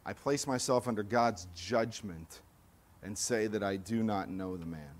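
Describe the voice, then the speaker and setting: A man from California preaching a sermon, moving between loud, emphatic lines and quiet, low asides, and acting out accusers' voices. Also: measured pace. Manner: acts out accusers' lines with raised voice. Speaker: pastor.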